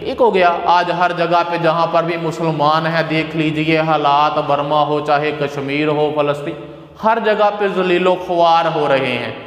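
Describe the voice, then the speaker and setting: A man's voice: on the high side, steady tone, measured pace. A male college teacher lecturing on Urdu poetry, calling students "beta", glossing difficult words and chanting verses, with a Pakistani Urdu accent. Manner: recites verses in a chanting lilt. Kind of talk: classroom lecture explaining poetry. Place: classroom. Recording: echoey classroom with long reverb.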